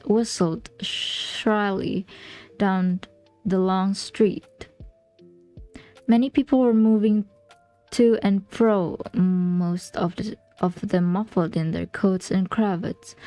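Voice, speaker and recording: A woman's voice: mid-range voice, warm tone, dry recording. A young woman from Indonesia, reading a novel aloud on a livestream, sometimes stumbling over words and correcting herself. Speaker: streamer.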